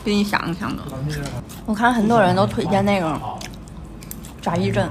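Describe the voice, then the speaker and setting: Over a meal in a cramped, bustling restaurant, a food vlogger with a Tianjin accent talks casually about each mouthful in a mid-range voice at normal speed. Crowd noise and clattering fill the recording.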